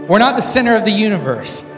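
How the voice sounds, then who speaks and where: A man preaching in a rousing rally-speech style, proclaiming loudly in short, emphatic, repeated phrases to a congregation. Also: high-pitched, big pitch swings, fast talker, recorded from a distance. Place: large church room with PA. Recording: hall reverb, music behind. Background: music.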